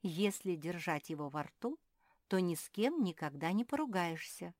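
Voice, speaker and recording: A woman's voice: on the low side, sing-song, moderate pace, darkish tone, dry recording, studio quality. Fields: Figure: woman doing a patient wise owl. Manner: patient, explaining, sighing. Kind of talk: storybook reading.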